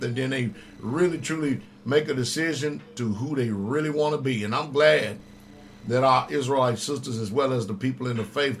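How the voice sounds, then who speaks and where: A man in his fifties, a pastor hosting a call-in radio show, talking in a warm, easygoing drawl. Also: mid-range voice, a little hiss or hum. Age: 50s. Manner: warm, drawling, laughs easily.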